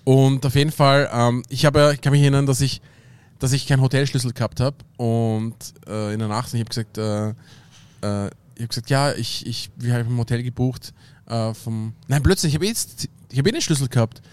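A man's voice: medium pitch, brisk, darkish tone, smooth. A young man with an Austrian German accent, rambling through an anecdote in casual slang with lots of fillers. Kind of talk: casual chat.

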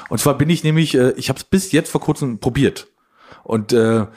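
A man co-hosting a podcast, telling a story in a rambling, halting way. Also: mid-range voice, a little mellow. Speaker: podcast co-host. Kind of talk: casual banter.

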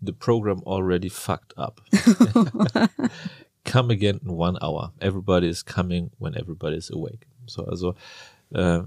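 A man's voice: low voice, animated, measured pace, vocal fry, a little mellow, dry recording, clean studio sound. A man hosting a casual podcast interview, chatty and joking, telling anecdotes with gusto. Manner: jokey, chatty storyteller. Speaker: podcast host and plastic surgeon.

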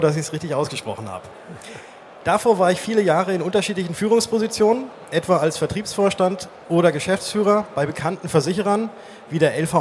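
On a live stage at a trade fair, a man with a highish, slightly mellow voice hosts a casual interview. Faint background noise from the event can be heard.

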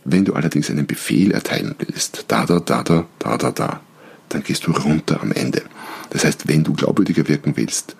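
A man hosting an instructional podcast, explaining persuasion and switching between higher, faster talk and lower, slower talk to demonstrate. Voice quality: very deep, gravelly voice. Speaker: podcast host and business coach.

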